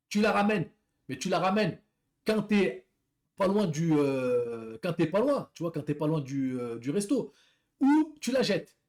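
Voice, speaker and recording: A man's voice: high voice, a little mellow. A man who works as a delivery rider, telling a story in a casual, rambling way, repeating words and talking to viewers as friends.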